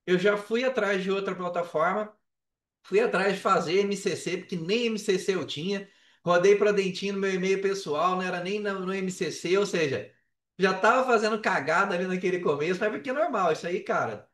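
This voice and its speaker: A man with a Brazilian Portuguese accent and a high, fairly bright voice tells his own story casually as a podcast guest; he's an affiliate marketer. He uses slang, swearing, and emphatic repetition, and the recording has a roomy echo, distant from the mic.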